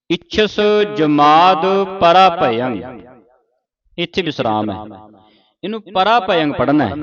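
A man's voice: on the high side, lo-fi sound. A man teaching scripture pronunciation, reciting line by line and having students repeat, sometimes singing phrases. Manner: slow, syllable-by-syllable drilling with sung phrases.

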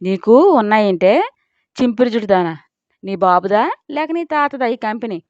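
A woman's voice: on the high side, very animated, moderate pace, a little mellow, no echo. A woman voicing a bold young female coworker who fires off cutting, mocking retorts. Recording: dull lo-fi dry recording.

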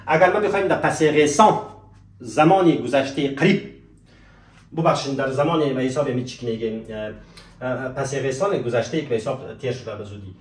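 A man teaching a French lesson, slowing right down on example phrases and asking students to repeat them. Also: medium pitch, far from the mic. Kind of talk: spoken language lesson with slow example phrases. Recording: roomy echo, voice from off the mic.

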